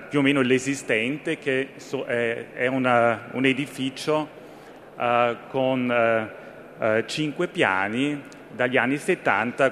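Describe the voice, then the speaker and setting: A man with an Austrian German accent, a native German speaker, giving a conference presentation in halting Italian with many searching pauses. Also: mid-range voice, a bit bright. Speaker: conference speaker, building ecology expert. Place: large conference or trade fair hall. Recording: reverberant hall, faint background noise.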